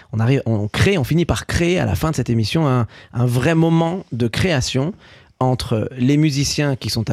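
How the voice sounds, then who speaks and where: Male radio host, husky and dry close-mic sound, eager, loose delivery full of restarts. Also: mid-range voice, a little mellow, dry recording. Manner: enthusiastic, loose, with many restarts. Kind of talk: casual conversation on radio. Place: radio studio.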